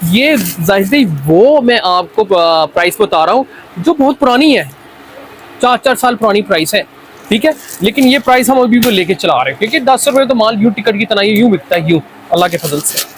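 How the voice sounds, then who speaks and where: Casting: Pakistani male trader, high voice, insistent repetitive hard-sell patter, faint background noise. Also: low-quality recording. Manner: repeats his lines insistently. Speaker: wholesale toy seller presenting stock. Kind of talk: unscripted hard-sell product pitch.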